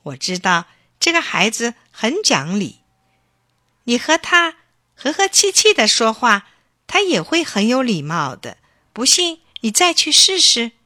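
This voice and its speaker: A woman voicing a kind, patient grandmother who gently explains things to a child in a storybook reading. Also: fairly high pitch, sing-song, unhurried, no room sound, clean studio sound, full character voice. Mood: gently explaining.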